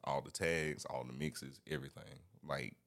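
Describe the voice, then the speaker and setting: A young man, a guest DJ, talks in a relaxed, halting way full of fillers. His voice is very deep. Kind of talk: casual chat.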